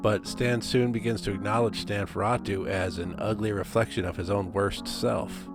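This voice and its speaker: A man's voice: fairly low pitch, fairly even intonation, normal speed. A man narrating a scripted video essay with dry, casual asides. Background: music.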